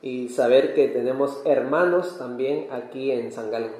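A man from Peru, a missionary, preaching calmly in short phrases and pausing for his interpreter in a church. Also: mid-range voice. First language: Spanish. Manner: calm, measured, pausing for translation. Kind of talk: sermon with interpreter. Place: church hall. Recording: echoey church hall.

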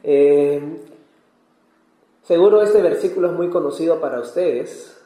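Peruvian man preaching in an echoey hall. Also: fairly high pitch. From Peru. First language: Spanish. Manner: calm, measured, pausing for translation. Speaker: missionary preacher. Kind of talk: sermon with interpreter. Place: church hall.

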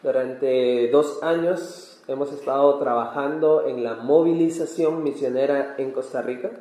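A man from Peru, a missionary, preaching calmly in short phrases and pausing for his interpreter in a church. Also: mid-range voice. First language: Spanish. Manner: calm, measured, pausing for translation. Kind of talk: sermon with interpreter. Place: church hall. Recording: echoey church hall.

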